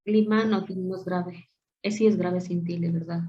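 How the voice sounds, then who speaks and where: A woman teacher leads a classroom lesson at an unhurried pace. She says each word aloud and repeats it as she points it out. The recording sounds dull and lo-fi. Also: on the low side, fairly even intonation. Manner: slow, repeats words aloud while pointing them out.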